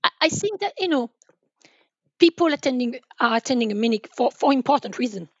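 A high-pitched, animated woman with a breathy edge answers business questions as a podcast guest, drawing on her job as an enterprise sales manager. She's halting and conversational, circling back over her words. The dry recording is somewhat dull, resembling an online call with restricted bandwidth.

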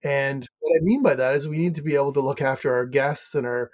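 A man's voice: medium pitch, fast, darkish tone. A man in his fifties from Canada with a Canadian accent, speaking as a guest in a podcast interview about hotel finance, conversational with many ums and restarts.

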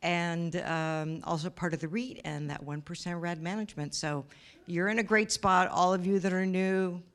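A woman's voice: lowish voice, steady tone, moderate pace. A woman in education introducing herself and her husband to an investor group, matter-of-fact. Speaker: educator and investor club member.

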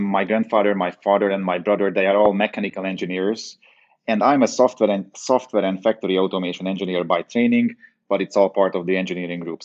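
Low-pitched and somewhat dark in tone, this man from Hungary speaks with a Hungarian accent while explaining matters as an engineering guest. He is an engineering executive on a podcast, recorded in dull, lo-fi interview sound.

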